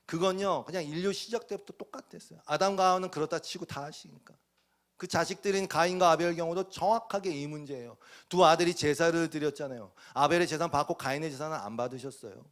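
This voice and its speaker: A man preaching a sermon as pastor, dramatic, acting out voices and swinging from loud bursts to near whispers. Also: on the high side, fast.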